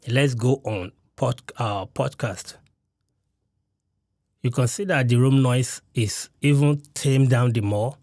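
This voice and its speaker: A man testing a studio condenser microphone up close, calmly explaining each setting step by step. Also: fairly low pitch, no echo. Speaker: gear reviewer. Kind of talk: mic test demonstration. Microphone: studio condenser mic close up.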